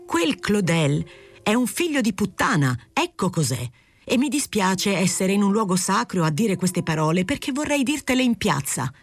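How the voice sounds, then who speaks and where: A woman's voice: mid-range voice, very animated, moderate pace, slightly rough, voice pushed up. A woman voicing an indignant, outspoken male priest. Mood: furious. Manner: outspoken, scolding.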